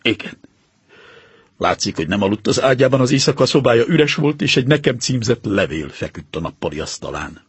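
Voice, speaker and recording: A man's voice: medium pitch, animated, breathy edge, dry recording, voice pushed down. A man voicing a distraught older banker in an audiobook reading, with a breathless, trembling manner that breaks into cries. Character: older distraught male banker, anxious and pleading.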